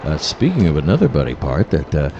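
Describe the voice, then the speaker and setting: A man's voice: rumbling low, huge pitch swings, quick pace, darkish tone, muffled recording, a little hiss or hum, exaggerated voice. A man voicing Frankenstein's monster as a rambling stammerer who savors his words in a comedy sketch. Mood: rambling, pleased. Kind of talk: live comedy trailer parody.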